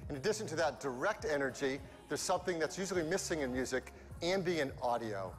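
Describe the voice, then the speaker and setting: A man's voice: fairly high pitch, expressive, fairly quick, music in the background. A man in his fifties giving an enthusiastic keynote product presentation on a large arena stage, speaking into a headset mic. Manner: enthusiastic, walks the stage gesturing. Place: large arena stage before a big audience. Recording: reverberant arena.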